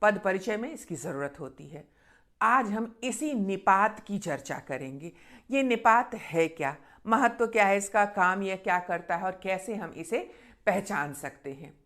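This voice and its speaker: Female grammar teacher, steady lesson delivery, slow stressed examples, frequent check-ins with learners. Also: medium pitch. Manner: reads example sentences slowly and with stress; often checks in with "ठीक है ना?". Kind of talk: classroom-style grammar lesson.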